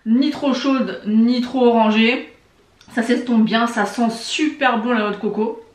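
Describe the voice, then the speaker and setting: A woman chatting casually to her viewers while testing makeup, often pausing on little hesitations. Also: on the high side, roomy sound, a little hiss or hum. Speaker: beauty vlogger. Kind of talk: casual makeup tutorial chat.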